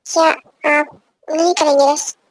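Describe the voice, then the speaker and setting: A woman's voice: high-pitched, little pitch movement, moderate pace, no echo, natural voice, rough recording. A young woman voicing an innocent, timid young man who pleads in an amateur fan dub. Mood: meek. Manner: pleading, plaintive.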